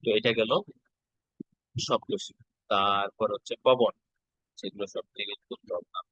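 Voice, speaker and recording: A man's voice: fairly low pitch, fairly even intonation, moderate pace, fairly bright tone, no echo, muffled recording. Patient man teaching at a whiteboard. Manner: patient, repeats each step, checks in with "ঠিক আছে?". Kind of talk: exam-prep lesson at a whiteboard.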